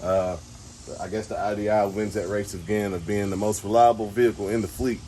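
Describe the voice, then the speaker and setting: A man's voice: lowish voice, level tone, brisk, dark tone. American man vlogging outdoors in wind noise. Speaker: vlogger, truck owner. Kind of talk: casual handheld vlog talk. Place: outdoors by a carport and trucks. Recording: windy, noisy outdoor audio. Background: wind on mic, vehicle noise.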